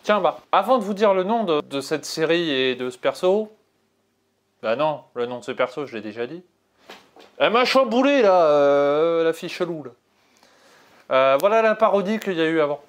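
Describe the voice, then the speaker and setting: Woman YouTuber, lower-pitched, lively and playful, casual chat. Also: moderate pace. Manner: playful, hesitant with fillers.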